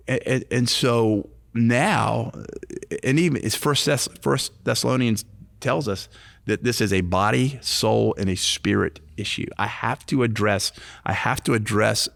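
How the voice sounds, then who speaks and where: A man in his late fifties co-hosts a faith-based recovery ministry podcast, speaking earnestly, repeating himself and restarting phrases. His medium-pitched voice is gravelly with a fairly bright tone, recorded dry at studio quality.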